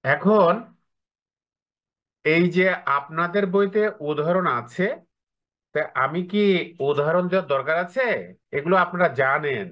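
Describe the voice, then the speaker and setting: A man's voice: fairly high pitch, a little slow, long pauses, a bit bright. A man teaching an online class, often checking with rhetorical questions. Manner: explains with rhetorical questions to students.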